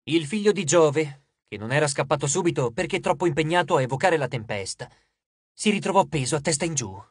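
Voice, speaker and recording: Expressive male audiobook narrator. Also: a little high, fairly quick, slightly rough, no room sound, clean studio sound. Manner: expressive, lively storytelling.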